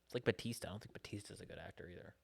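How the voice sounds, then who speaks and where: A man's voice: lowish voice, rapid-fire, gravelly, slight background noise. A young man co-hosting a podcast in casual chat, blunt and skeptical, swearing offhandedly. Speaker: podcast co-host.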